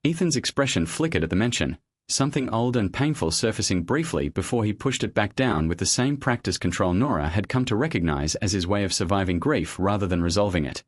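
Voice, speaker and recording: A man narrates a scripted story with a lowish voice. His delivery is measured and even. The sound is close and dry, with no room echo.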